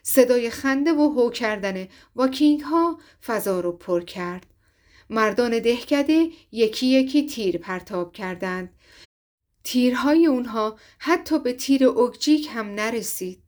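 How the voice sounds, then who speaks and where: A woman narrating a story in a steady, even reading voice. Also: fairly high pitch.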